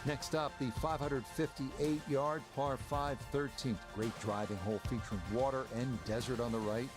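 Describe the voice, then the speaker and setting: A man acting as a golf commentator delivers polished TV-style play-by-play for a video game. He is measured and descriptive, at an ordinary male pitch. Music plays clearly behind him. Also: steady tone, lightly acted. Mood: measured, admiring. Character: polished male golf broadcast announcer calling a round.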